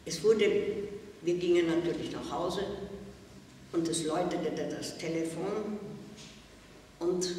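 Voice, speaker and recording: An older woman reading her own memoirs aloud in a slow, deliberate way. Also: on the low side, a little mellow, slight background noise. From Austria. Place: public hall at a town office. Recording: echoey hall, distant mic, faint ambience.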